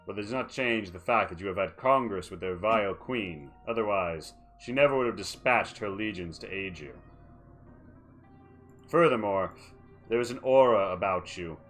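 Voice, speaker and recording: Old male forest guardian, tabletop fantasy, played by a man: low, unhurried, pompous, suspicious, formal. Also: fairly bright tone. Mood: stern, suspicious. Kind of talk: tabletop role-play in character.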